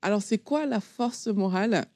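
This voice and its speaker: Mellow-voiced woman explaining faith. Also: medium pitch, normal speed, no room sound, clean studio sound. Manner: calm, explanatory, with fillers. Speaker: co-host.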